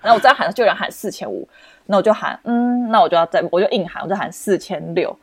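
A young woman, hosting a podcast and telling a story in casual, expressive chat. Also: medium pitch, fast, breathy edge, dry recording. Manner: animated, expressive, lots of restarts and exclamations. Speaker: podcast host.

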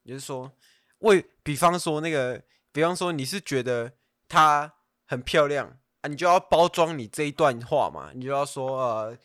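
A man's voice: a little high, moderate pace, fairly bright tone, no echo, studio quality. A man, a guest giving brash, coarse dating advice in a casual podcast chat, laughing often. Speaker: guest, pickup coach.

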